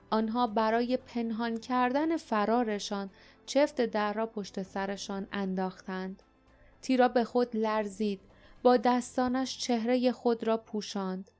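Woman narrating a storybook calmly. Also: a little high, clean tone, soft background music. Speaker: audiobook narrator.

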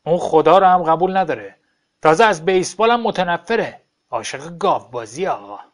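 A man's voice: fairly high pitch, expressive, lightly acted. A man voicing a nosy, self-righteous middle-aged barfly who badgers and mocks, in an audiobook reading. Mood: mocking. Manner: badgering, loud, mocking.

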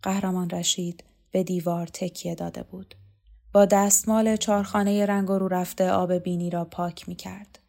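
A woman narrating a novel as an audiobook, in a calm, measured way. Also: lowish voice, vocal fry.

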